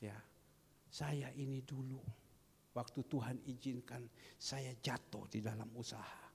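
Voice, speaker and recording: Gravelly-voiced man preaching in a reverberant church. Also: mid-range voice, steady tone, unhurried, a little hiss or hum. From Indonesia. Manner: preaching with sudden soft whispers and loud emphatic peaks. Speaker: pastor. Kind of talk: sermon. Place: church hall. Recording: long hall reverb.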